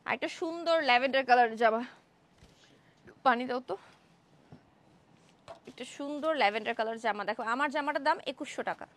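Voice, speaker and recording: A young woman from Bangladesh hosting a live-stream clothing sale, chatty and excited, exclaiming over dresses in an indoor showroom. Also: sits high, a little fast, long pauses. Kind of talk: Facebook live sales pitch.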